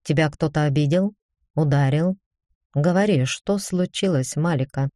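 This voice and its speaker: A woman's voice: sits low, mellow, dry recording, studio quality, lightly acted. A woman reading a firm academy dean. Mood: stern. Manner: firm, brisk, then coaxing. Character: stern but caring woman academy dean. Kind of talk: audiobook character reading.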